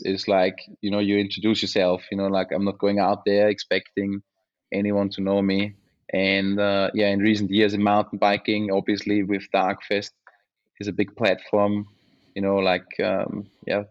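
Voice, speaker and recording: A man with an Austrian accent, a native German speaker, chatting casually and haltingly as he searches for words. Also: fairly low pitch, lo-fi sound. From Austria, small village. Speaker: interview guest, mountain bike rider. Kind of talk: casual chat.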